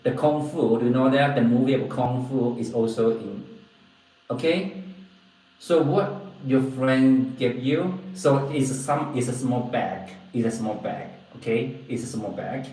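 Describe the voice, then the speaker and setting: A native Chinese speaker from Guangdong, with a southern Chinese accent and a mellow, medium-pitched voice, hosts a casual livestream and answers viewers. He often halts and repeats phrases while searching for words, and the distant mic picks up a very echoey room.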